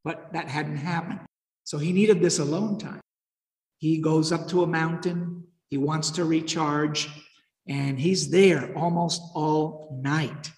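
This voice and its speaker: A man's voice: fairly high pitch, fairly even intonation, slow pace, a little mellow. A man teaching a Bible lesson in a conversational way, often asking listeners questions and retelling the story with energy. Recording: echoey hall.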